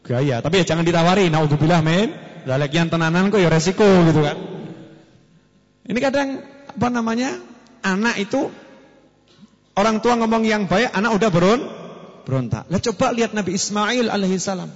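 A man, preaching at an Islamic study gathering in lively storytelling style, acting out the voices of the people in his stories. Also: high-pitched, moderate pace, long pauses. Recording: echoey hall, muffled sound.

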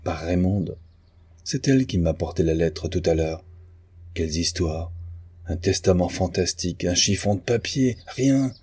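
A man's voice: deep voice, lively intonation, measured pace, mellow, breathy edge, no echo, exaggerated voice. A man voicing a bitter, mocking male painter in an audiobook of a novel. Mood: scornful. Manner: sneering, sarcastic.

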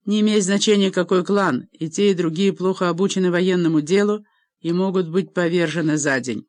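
A woman reading aloud and voicing a gruff, angry old male clan chief who barks his demands. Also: on the low side, fairly quick, dry recording, natural voice. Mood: angry, demanding. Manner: loud, demanding, barking.

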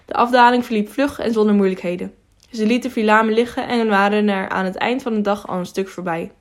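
A woman reading an audiobook aloud, telling the story in a steady, measured way. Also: medium pitch. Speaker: audiobook narrator. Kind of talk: scripted narration.

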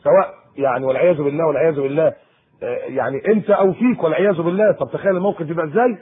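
A man preaching to teenagers in Egyptian Arabic, in a colloquial, animated sermon with acted-out asides. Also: a little high, very fast, crowd noise. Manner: animated, acts out a teen and mother in quoted asides. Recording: tinny lo-fi phone-like tape.

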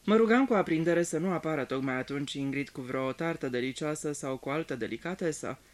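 An audiobook narrator reading a mystery novel, giving each character in the dialogue a voice of their own. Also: mid-range voice.

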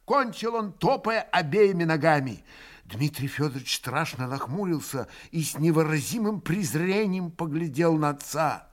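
Expressive male narrator with a lively range. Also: on the high side, normal speed. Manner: theatrical, expressive. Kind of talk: dramatic literary narration.

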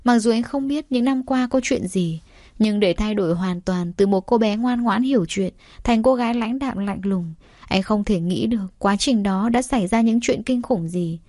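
A woman narrating an audiobook story with a steady, even reading. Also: medium pitch, moderate pace, no echo, clean studio sound.

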